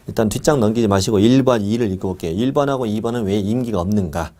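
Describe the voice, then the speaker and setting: Mellow-voiced man giving an exam lecture. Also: lowish voice. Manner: repeats key points, asks and answers himself.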